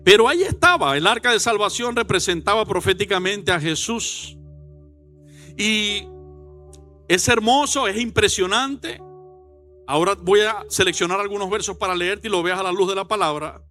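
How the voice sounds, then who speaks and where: Lively Venezuelan pastor preaching. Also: male voice, sits high, moderate pace, soft background music. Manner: animated storytelling, acts out shouted quotes. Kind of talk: sermon. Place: church.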